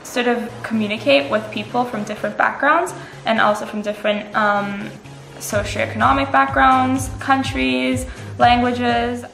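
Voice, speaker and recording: A young woman from Turkey speaks a little high with a gravelly fry in her voice. She answers thoughtfully and hesitates with small fillers. The room around her is echoey. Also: steady tone, unhurried, fairly bright tone, soft background music. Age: young adult. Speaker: interviewee, international student. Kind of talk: interview answers.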